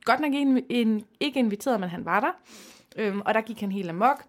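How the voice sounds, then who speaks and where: A woman co-hosting a podcast, telling stories lively with acted-out quotes in a casual chat. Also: fairly high pitch. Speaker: podcast co-host.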